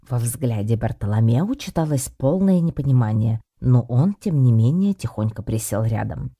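A man narrating an audiobook with lively first-person storytelling in the voice of a cat. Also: medium pitch, breathy edge. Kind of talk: scripted narration.

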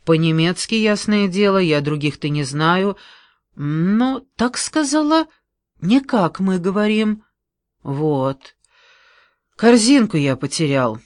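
A reader voicing a naive, awkward young man who tells his story haltingly, in an audiobook. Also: mid-range voice, lively intonation, dry recording, studio quality, voice pushed up. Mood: indignant. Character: naive awkward young male forester's son.

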